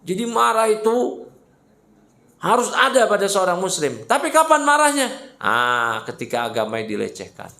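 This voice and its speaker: A man preaching in a mosque with a high, very animated voice that climbs and drops sharply as he presses his point. He talks emphatically, throws rhetorical questions at his listeners and mocks opposing views. The sound is roomy and echoey, as in a mosque hall. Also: moderate pace, gravelly. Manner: emphatic, fired-up, rhetorical questions, mocking asides. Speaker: Islamic preacher. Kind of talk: mosque study sermon.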